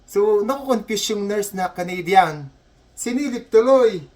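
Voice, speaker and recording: A man telling a comedy story in a casual, chatty way, repeating himself and dropping his voice low for asides. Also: expressive, a little slow, a little mellow. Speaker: comedy joke teller.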